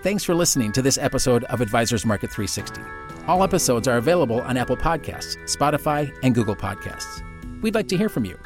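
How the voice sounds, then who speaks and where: A man's voice: medium pitch, sing-song, quick pace, over music. A man hosting a podcast, reading scripted financial narration. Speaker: podcast host.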